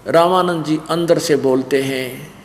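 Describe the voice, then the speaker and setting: A man with a Haryanvi accent tells a story as a sermon, animated and fairly high-pitched. His voice rings through a hall with a long echo. A faint noise sits underneath. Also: measured pace. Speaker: spiritual teacher.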